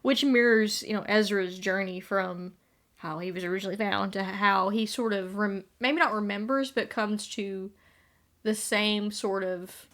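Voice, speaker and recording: A woman co-hosts a relaxed fan podcast, talking with a bright, clear tone. She laughs easily and acts out quoted lines as she goes. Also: mid-range voice, a little slow. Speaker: podcast co-host. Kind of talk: casual fan chat.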